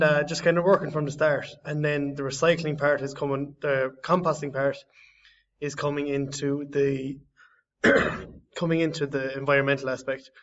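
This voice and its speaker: A young man presents his design project, often pausing and restarting as he searches for words. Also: mid-range voice, a bit bright. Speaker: design student. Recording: slightly distant, dull lo-fi audio.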